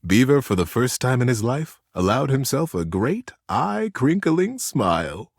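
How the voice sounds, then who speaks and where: Teddy, a tender, husky storybook teddy bear. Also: male voice, mid-range voice, sing-song, measured pace, no room sound, studio quality, heavily acted. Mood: storytelling, tender. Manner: tender, earnest, theatrical. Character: affectionate, gentle male teddy bear telling bedtime stories. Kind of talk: expressive storybook narration and tender talk.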